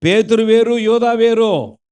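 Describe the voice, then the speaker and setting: A pastor preaching a sermon, asking the congregation questions and acting out the quoted voices. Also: male voice, very high voice, unhurried, darkish tone, smooth.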